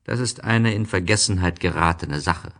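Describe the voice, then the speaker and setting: A man voicing a wise, wary wild fox in a storybook reading, explaining things in a measured, patient way. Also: low-pitched, fairly bright tone. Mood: earnest, tender.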